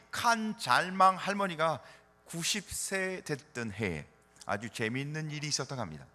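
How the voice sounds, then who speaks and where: Lively middle-aged male pastor preaching. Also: on the high side. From Chungcheong, South Korea. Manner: animated preaching with rhetorical questions and gentle humor. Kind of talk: sermon. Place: church sanctuary. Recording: reverberant church hall.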